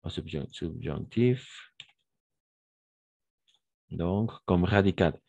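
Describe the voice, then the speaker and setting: A man's voice: sits low, extremely slow, gravelly, warm tone, dull audio. A man teaching a French grammar lesson online, patiently repeating verb forms and praising his students.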